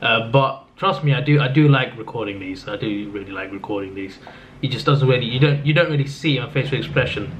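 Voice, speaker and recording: Speaking a little fast at medium pitch, a man whose voice is fading gives a casual football recap for his vlog. He sounds subdued and flat, rambling with lots of restarts and fillers, and the camera-mic recording is slightly dull lo-fi with faint noise.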